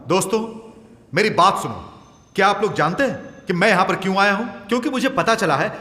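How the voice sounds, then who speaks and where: A man's voice: high-pitched, expressive, fairly quick, sharp tone, dry recording, heavily acted. An actor dubbing a fiery male revolutionary leader who speaks in an impassioned, declaiming way to a room of bankers. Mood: defiant. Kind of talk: film dub.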